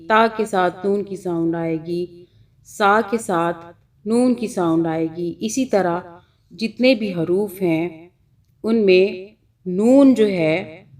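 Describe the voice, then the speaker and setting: Slow patient Pakistani woman teacher. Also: medium pitch. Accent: Pakistani Urdu. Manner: slow, patient, repeats sounds. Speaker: Quran reading teacher. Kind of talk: online teaching lesson.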